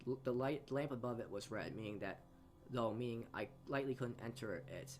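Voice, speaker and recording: This let's play host reads a visual novel's text aloud, with asides, in a fairly quick, mid-range male voice. He often stumbles over words and repeats them, with game music in the background.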